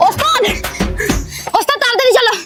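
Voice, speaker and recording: A woman playing a frantic young disciple with a squeaky voice in an exaggerated comedy skit. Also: fairly quick, over loud music. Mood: panicked.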